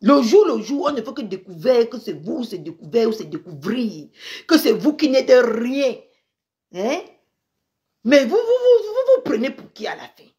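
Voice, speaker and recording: A woman ranting on a live social media stream, upset and angry, repeating herself and swinging between loud outbursts and low mutters. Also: big pitch swings, normal speed. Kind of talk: indignant Facebook live rant.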